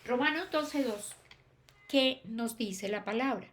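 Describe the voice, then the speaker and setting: A woman's voice: a little high, slow, background noise. A woman preaching a sermon, often asking her listeners rhetorical questions and checking they follow. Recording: echoey room, distant mic.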